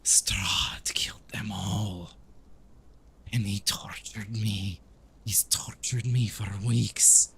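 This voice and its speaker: A man's voice: fairly low pitch, level tone, extremely slow, vocal fry, sharp tone, slight background noise, heavily acted. A man voicing a tormented young man turned vampire, pleading in desperate whispers.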